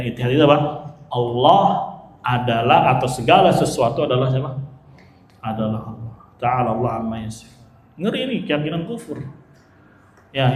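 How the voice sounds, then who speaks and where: A man's voice: medium pitch, reverberant. A man giving an Islamic study lecture. He asks his audience questions and answers them himself, with chatty, joking asides. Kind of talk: religious lecture.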